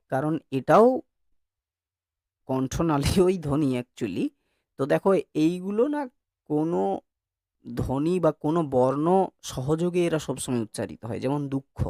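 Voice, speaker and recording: A man's voice: a little high, no echo, clean studio sound. A male teacher giving a classroom lecture who coaxes his students to answer and demonstrates sounds by repeating them.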